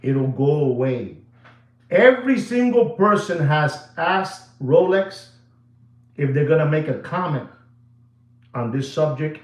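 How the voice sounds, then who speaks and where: A New York watch dealer in his sixties hosts a show, ranting casually to camera in an animated, rambling way. His voice is on the high side and slow, with frequent pauses, and he slips into Spanish phrases and calls viewers "papi" in an echoey room.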